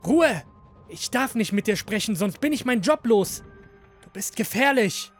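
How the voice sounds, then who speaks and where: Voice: mid-range voice, sing-song, normal speed, soft background music, voice pushed up. A narrator voicing a nervous young male guard who whispers and hisses warnings in a horror audio drama. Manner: anxious, hissing, insistent.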